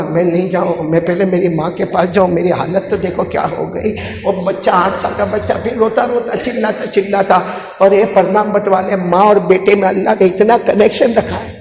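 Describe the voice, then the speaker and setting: A man preaching an emotional story sermon, swinging dramatically between hushed tones and shouting. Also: sits high. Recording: echoey hall with faint noise.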